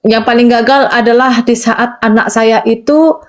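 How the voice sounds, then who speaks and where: A middle-aged woman with a Madurese accent shares her testimony in a high, earnest voice. She speaks with emotion and keeps turning to her listener. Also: fairly even intonation, normal speed. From Sampang, Madura, Indonesia. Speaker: evangelist. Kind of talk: personal testimony in conversation.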